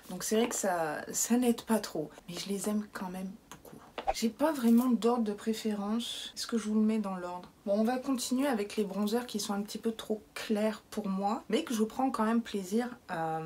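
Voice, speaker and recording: A woman's voice: mid-range voice, darkish tone, slight background noise. A woman with a French accent chatting casually and playfully as a beauty vlogger, reviewing her makeup collection. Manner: chatty, playful, self-mocking with invented words.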